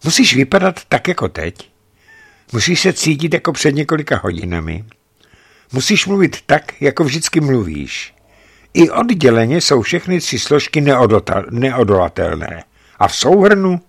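A man's voice: mid-range voice, big pitch swings, husky, voice pushed up. A man reading as an earnest young soldier. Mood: ardent. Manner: earnest, serious.

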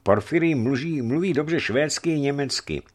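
A man voicing an excitable, hot-headed traveller. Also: fairly high pitch, pitched above the performer's own voice. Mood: earnest, apologetic. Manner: lively, emphatic, laughing. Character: hot-tempered, jovial Russian male traveller.

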